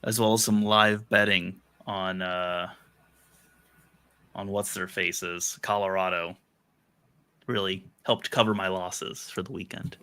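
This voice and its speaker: A man's voice: low-pitched, fairly even intonation, takes it slowly, long pauses, sharp tone, clean tone. A man co-hosting a sports podcast in casual chat, playful and teasing with his co-host.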